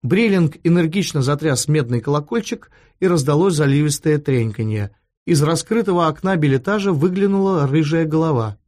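A man reading a novel aloud as an audiobook narrator, in a measured, expressive way. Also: fairly high pitch. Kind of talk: scripted literary narration.

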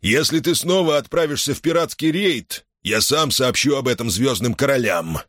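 A man voicing a stern, commanding alien pirate leader who speaks harshly and forcefully in an audiobook. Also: medium pitch, expressive, moderate pace, no room sound, studio quality, voice pushed up.

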